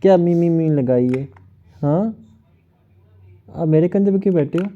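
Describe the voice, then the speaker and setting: A woman talking to her pet parrot in a sweet, playful, coaxing way and gently teasing it. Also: low voice, normal speed, phone-quality sound. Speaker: parrot owner.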